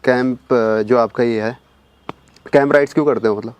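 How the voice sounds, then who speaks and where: A man's voice: medium pitch, fairly even intonation, normal speed, clean tone, dry recording. A man hosting a podcast, asking questions and adding short agreeing murmurs. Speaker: podcast host. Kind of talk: casual podcast chat.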